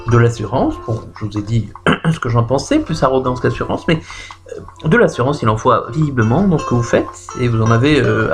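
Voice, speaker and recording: A performer voicing a chatty female clairvoyant who reads a caller's fortune in a comic phone-in sketch, with drawn-out hums and exclamations. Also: mid-range voice, close to an everyday voice. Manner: theatrical, drawn-out "hmm" and "ouh là là", claims flashes and vibrations. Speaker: fortune teller taking a call. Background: music playing behind the voice.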